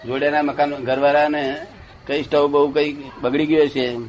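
A man's voice: fairly high pitch, flat delivery, moderate pace. An older man telling a rambling anecdote in casual chat, often checking that his listener follows. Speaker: storyteller.

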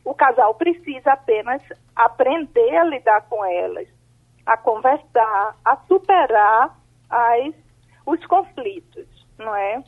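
A psychologist, answering questions over a mobile phone line that keeps cutting out, speaking in a measured, explanatory way with frequent tag questions. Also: female voice, fairly high pitch, expressive. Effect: breaking-up mobile phone line. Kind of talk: radio phone-in interview answer. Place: outdoors in a country town, seeking signal. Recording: tinny cell phone line.

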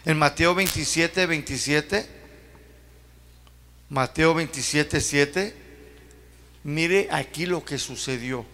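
Mexican male pastor, unhurried folksy sermon, reverberant church hall. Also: a little high, bright, forceful tone. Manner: folksy, drawn-out preaching with rhetorical questions to the congregation.

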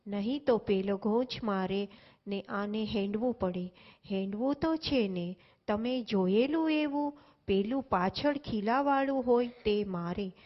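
A woman talks through spiritual teachings in an earnest, explanatory way, using everyday examples. Her voice is mid-pitched. The recording is dull and lo-fi. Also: unhurried. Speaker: spiritual discussion speaker. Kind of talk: religious discourse explanation.

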